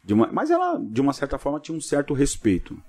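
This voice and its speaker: A middle-aged Brazilian man from Cubatão, on the São Paulo coast, appears as a podcast guest telling stories in an informal interview. His mid-range voice is soft-edged and relaxed, though he talks very quickly and peppers his chat with short tag questions.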